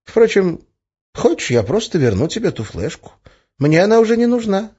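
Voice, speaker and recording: A man's voice: high-pitched, sing-song, normal speed, warm tone, husky, voice pushed up, exaggerated voice. A man voicing a sly, teasing young witch. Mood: coaxing. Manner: teasing, coaxing, lilting. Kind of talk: audiobook character voice. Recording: slightly muffled lo-fi recording.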